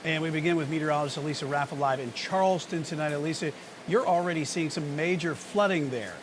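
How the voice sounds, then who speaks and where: A man's voice: on the high side, quick pace, background noise. A man anchoring a newscast with scripted broadcast delivery. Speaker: news anchor.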